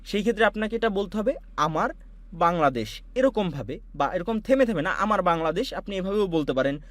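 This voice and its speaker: A man from Bangladesh teaches an online class, talking students through each step of audio software. His voice sits high and the recording is dry and close, with no room sound. He explains patiently and circles back over points with many asides. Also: animated, fast talker, dry recording. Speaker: online course instructor. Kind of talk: screen-share software tutorial.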